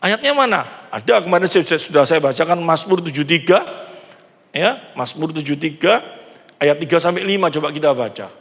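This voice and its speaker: A man's voice: on the high side, lively intonation, normal speed, a bit bright. A man in his sixties with an East Javanese accent, preaching a chatty sermon and asking the congregation questions. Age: 60s. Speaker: pastor. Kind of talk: conversational sermon. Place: large church hall. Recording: reverberant church hall.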